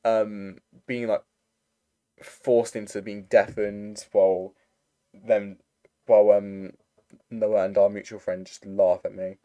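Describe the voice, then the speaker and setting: Young man, mellow low voice, rambling anecdote on a call mic. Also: level tone, slow pace, long pauses. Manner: rambling, filler-heavy anecdote telling. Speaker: storyteller in a chat. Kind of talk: casual chat over a voice call. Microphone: computer mic on a voice call.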